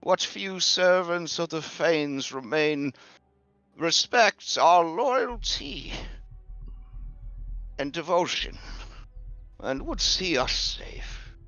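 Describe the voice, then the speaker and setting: Man putting on a high, slow, solemn seer woman. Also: animated, bright, forceful tone, no room sound, lo-fi sound, faint music behind, heavily acted. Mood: grave, persuasive. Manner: slow, portentous, drawn-out. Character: solemn female mountain seer who speaks with spirits.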